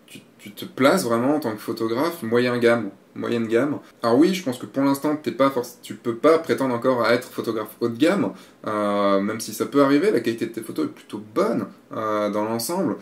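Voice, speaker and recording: A man's voice: medium pitch, moderate pace, reverberant. A man giving a frank, casual critique of a photographer's website, blunt and given to swearing.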